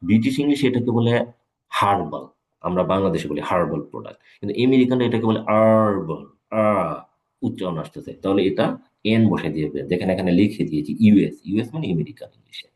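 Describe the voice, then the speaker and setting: A man's voice: low voice, animated, rapid-fire, dark tone. A man teaching an English grammar lesson in Bengali, repeating and spelling out examples letter by letter. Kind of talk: live online grammar lesson.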